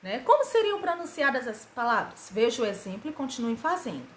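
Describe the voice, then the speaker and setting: A woman's voice: on the high side, sing-song, a little fast, echoey room. A woman teaching a grammar lesson to children, asking and answering her own questions and stretching syllables for emphasis. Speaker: schoolteacher.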